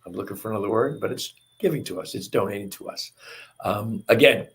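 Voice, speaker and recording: A man hosting a spiritual talk show, speaking gently and earnestly with many fillers and restarts. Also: lowish voice, a little fast, creaky. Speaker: host.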